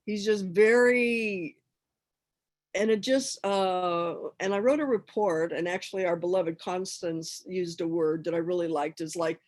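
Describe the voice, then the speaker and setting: A woman volunteer giving a casual personal account, halting and repeating herself as she searches for words. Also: lowish voice. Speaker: hospice volunteer seeking advice.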